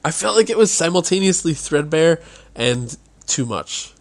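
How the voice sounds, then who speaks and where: A man's voice: a little high, lively intonation, normal speed. A man chatting casually, joking and asking his co-host questions. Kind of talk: casual chat.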